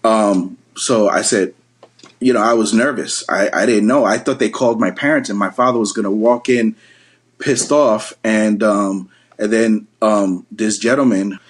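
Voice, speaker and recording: This podcast guest, a middle-aged man from the Bronx, New York, has a fairly low, slightly rough voice and speaks a little slowly. Telling a story from his youth in relaxed conversation, he rambles, often saying um and restarting his sentences.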